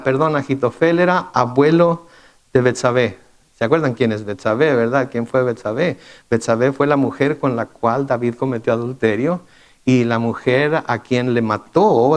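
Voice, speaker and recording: A man delivering a midweek sermon, his voice sitting a little higher than most men's. He talks to his congregation conversationally, firing off rhetorical questions and often stumbling into repeated words before pressing on. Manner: repeats words and restarts with fillers. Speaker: pastor.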